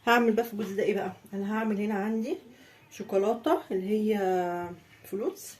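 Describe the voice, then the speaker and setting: A fast-talking woman with a mid-range voice and an Egyptian Arabic accent gives a casual cake-decorating tutorial from her home kitchen, with slight background noise. She's a chatty home baking vlogger guiding viewers step by step through a birthday cake.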